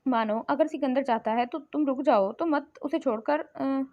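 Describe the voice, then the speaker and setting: A woman's voice: sits high, moderate pace. A woman reading as a chiding, worried young man. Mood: pleading. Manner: pleading and chiding. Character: young man, teasing yet worried companion. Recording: slightly muffled lo-fi recording.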